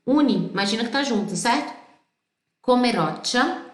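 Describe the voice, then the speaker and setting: A Brazilian woman with a Brazilian Portuguese accent teaching Italian pronunciation, singing song lines slowly and explaining in quick bursts. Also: on the high side, expressive, roomy sound. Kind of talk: pronunciation lesson.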